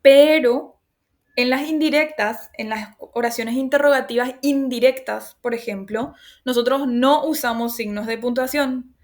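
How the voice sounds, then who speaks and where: A woman's voice: high-pitched, a little slow, darkish tone. Patient woman teacher explaining grammar. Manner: patient explaining, often checks with "¿verdad?"; reassuring, laughs at herself. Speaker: language teacher. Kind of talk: online class lecture.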